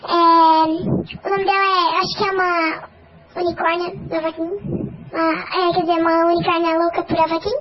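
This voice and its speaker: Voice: very high-pitched, level tone, moderate pace. Chipmunk-voiced vlogger through a voice app. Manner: rambling, lots of fillers and restarts. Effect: voice-changer app giving a thin, childlike chipmunk voice. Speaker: vlogger promoting a friend's channel. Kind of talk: casual vlog chat. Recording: dull lo-fi audio with clear background noise.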